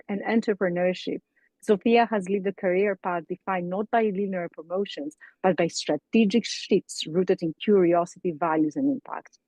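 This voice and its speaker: A woman's voice: on the low side, darkish tone, dry recording, low-quality recording. A woman from Greece acting as guest host, reading a formal introduction and asking interview questions. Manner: formal, reads introduction from script. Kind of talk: podcast interview.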